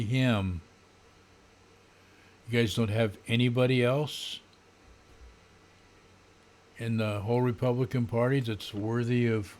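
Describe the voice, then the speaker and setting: An older American man in his seventies giving an unscripted, sardonic, grumbling rant in a halting way, often clearing his throat. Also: medium pitch, a little mellow. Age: older, around 70s. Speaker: political vlogger. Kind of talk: unscripted political rant to camera. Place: small home room, indoors. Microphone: desk condenser microphone.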